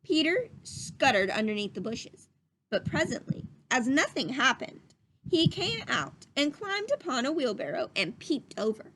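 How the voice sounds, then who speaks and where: A woman's voice: sits high, very animated, a little slow, noisy background. A woman reading a children's story aloud in a teacherly, explanatory way, as if speaking to young listeners.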